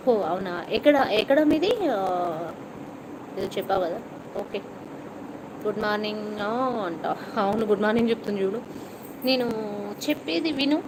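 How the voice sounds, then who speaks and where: A middle-aged woman hosts a live stream, chatting and teasing her viewers as she reads out their comments. Her voice sits a little high, with a slight cough. Steady noise and passing vehicles run behind her. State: has a cough.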